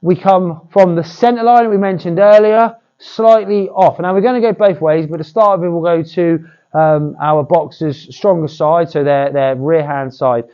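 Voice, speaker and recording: A man's voice: a little high, measured pace, highs cut off. A man coaching boxing pad work, demonstrating drills with short cues and encouragement.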